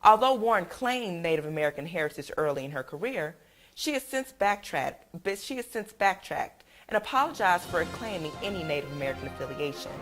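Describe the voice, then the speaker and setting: A woman reads the news in a low, level voice. Her delivery is measured and even, the steady pace of a scripted report. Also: faint music behind. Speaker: news anchor.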